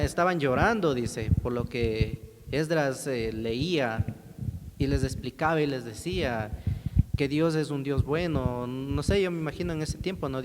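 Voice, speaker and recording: Brief: male lay preacher, chatty and repetitive sermon delivery, roomy church hall with steady background noise. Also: medium pitch. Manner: conversational, repetitive, addresses the congregation directly.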